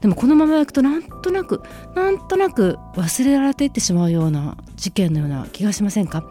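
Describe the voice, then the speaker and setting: A woman's voice: mid-range voice, big pitch swings, a little fast, dark tone. A woman hosting a talk radio show, giving casual news commentary in sarcastic, outspoken rants. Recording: faint music underneath.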